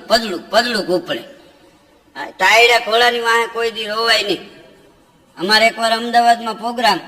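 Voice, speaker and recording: A man tells folk jokes and tales from a stage. His voice sits very high and rings bright. A long hall reverb trails each line. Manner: chuckles through punchlines, chants verses slowly. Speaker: folk comedian. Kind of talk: Gujarati folk storytelling with jokes.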